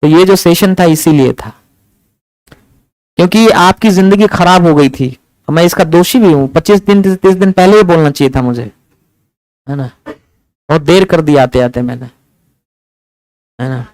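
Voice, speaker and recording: High-voiced man teaching a class. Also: unhurried, long pauses, no room sound, poor audio. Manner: animated, asks the class questions. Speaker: English teacher. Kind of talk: classroom lecture. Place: classroom with students.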